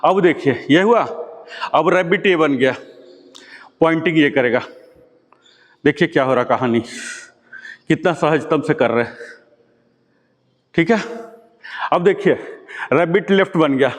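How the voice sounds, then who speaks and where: A man's voice: a little high, animated, measured pace, pauses often, long reverb tail. A man leading a live brain-exercise class, patiently coaxing and repeating cues. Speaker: exercise instructor.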